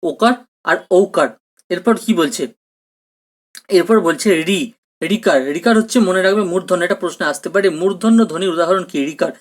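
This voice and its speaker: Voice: mid-range voice, fairly quick. Teacher giving an exam-prep lesson. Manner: explanatory, repeats questions, checks in often; mixes English terms into speech. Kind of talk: recorded online grammar lesson.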